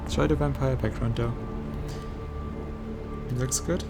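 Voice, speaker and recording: A man giving casual gameplay commentary as a streamer, halting as he thinks aloud. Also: mid-range voice, steady tone, creaky. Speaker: game streamer. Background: game music.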